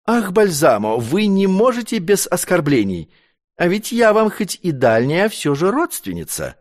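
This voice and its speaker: A man reading an audiobook, voicing a scheming old female matchmaker with a creaky, unpleasant voice. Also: high-pitched, big pitch swings, moderate pace, voice pushed up. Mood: wheedling. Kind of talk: audiobook character voice.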